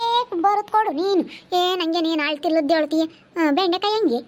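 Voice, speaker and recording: A woman's voice: very high voice, slight background noise. A woman playing a scolding village woman, haggling over vegetable prices. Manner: nagging, rapid-fire scolding. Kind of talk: comedy sketch acting.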